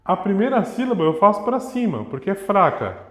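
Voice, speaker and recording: Young violin teacher, slightly high voice, demonstrative, reverberant room. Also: male voice, sing-song, fairly quick, over loud music. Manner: demonstrative, sings and vocalizes rhythms to illustrate. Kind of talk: explanatory music lesson. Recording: echoey room with long reverb. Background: violin playing.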